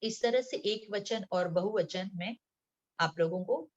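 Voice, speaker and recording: A woman teacher from Mumbai giving a slow, patient lesson to young children, reading words one by one and often checking in with the class. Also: mid-range voice. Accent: Mumbai Hindi. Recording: dull lo-fi sound.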